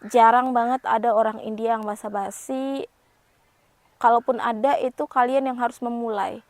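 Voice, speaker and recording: Young woman vlogger from Indonesia, casual chatty delivery with fillers, slightly high voice, dry close sound. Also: fairly even intonation, normal speed, no room sound. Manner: chatty, frequent fillers and "gitu ya". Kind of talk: casual chat to camera. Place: home.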